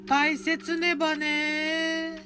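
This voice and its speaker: A woman voices a cheerful, cutesy mascot narrating short stories, hooking a cute verbal tic onto every sentence. Her voice sits high, yet the delivery is completely flat and extremely slow. Light background music plays, and the mood is upbeat.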